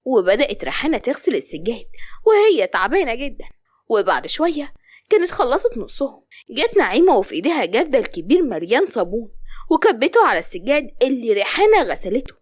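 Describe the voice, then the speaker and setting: A woman with an Upper Egyptian accent narrating a dramatized story in a brisk, matter-of-fact way. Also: a little high, very animated.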